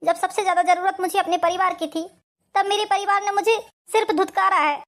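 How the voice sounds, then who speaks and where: Sorrowful cartoon widow, very high voice, woman voicing her. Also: fairly even intonation, fairly quick, fairly bright tone. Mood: bitter. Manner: pleading, sorrowful. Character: grieving young widow with small son. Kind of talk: Hindi cartoon family drama.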